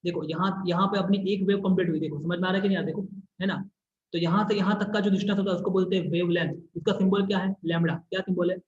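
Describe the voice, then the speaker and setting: Male tutor, high voice, repetitive board-side explaining, echoey room. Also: steady tone, very fast, slight background noise. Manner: repetitive, keeps checking if students follow; draws on a board while explaining. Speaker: teacher. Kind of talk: classroom physics lesson. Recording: echoey room, slightly dull recording.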